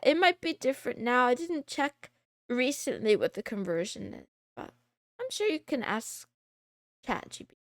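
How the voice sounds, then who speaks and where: A woman's voice run through a voice changer, sitting high and moving at an unhurried pace. She chats casually as a streamer, wandering between thoughts and laughing often. The sound is dry and close, with no room around it. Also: gravelly, dry recording. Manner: rambling, self-interrupting, laughs often. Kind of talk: casual chat.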